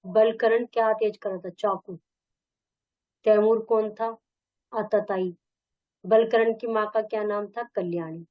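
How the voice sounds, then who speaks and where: A woman's voice: medium pitch, steady tone, unhurried, pauses often, dry recording. A woman teacher reading a textbook lesson and its exercises aloud in a plain manner, in a dull, dry recording. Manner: plain read-aloud delivery.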